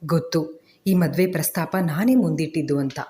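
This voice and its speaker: A woman's voice: low voice, moderate pace, dark tone, lightly acted. A woman reading the part of an anxious, devoted young wife in an audio story, tearful and pleading.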